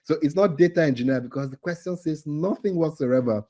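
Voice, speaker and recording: A man's voice: fairly high pitch, fairly quick, dark tone, low-quality recording. A man hosting a live online quiz for a training cohort over a video call, teasing the players and laughing often.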